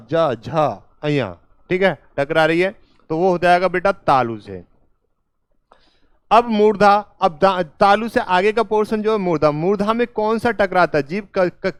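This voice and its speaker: A man's voice: high-pitched, smooth, dry recording. Male teacher, classroom lecture, repeats questions to students, resonant voice, dry sound. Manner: calls listeners "beta".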